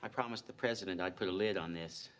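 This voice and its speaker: A man's voice: low voice, fast, fairly bright tone. An actor playing a young male attorney general under pressure, speaking defensively in a television drama. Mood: tense. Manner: defensive, rising to insistent.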